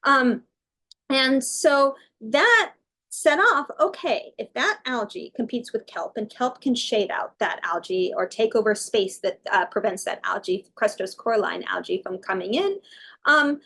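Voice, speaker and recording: A woman's voice: a little high, animated, a little slow, creaky, sharp tone. A middle-aged woman giving an academic research talk, explaining step by step with fillers and self-corrections. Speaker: university researcher giving a lecture.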